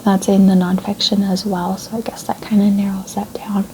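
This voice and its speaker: Woman doing whispered role-play as a gentle helpful librarian, soft breathy voice, mellow, some noise behind her. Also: mid-range voice, flat delivery, moderate pace, low-quality recording. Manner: polite, reassuring, gentle customer-service phrasing. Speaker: ASMR creator playing a librarian.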